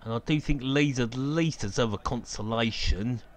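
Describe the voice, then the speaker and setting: A man's voice: mid-range voice, normal speed. A man giving casual live football commentary from an outdoor stadium on a cold evening, chatty and opinionated and laughing at his own jokes.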